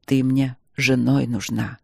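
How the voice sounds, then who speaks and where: A woman reading an audiobook, voicing a stern male dragon lord who speaks in a slow, low, rumbling growl. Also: level tone, creaky, breathy edge, no room sound, studio quality, full character voice. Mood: grim.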